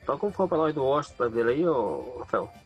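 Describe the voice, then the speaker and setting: A man from Brazil leaving a fast voice message with greetings for a radio show. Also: mid-range voice, big pitch swings, lo-fi sound, soft background music. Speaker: caller.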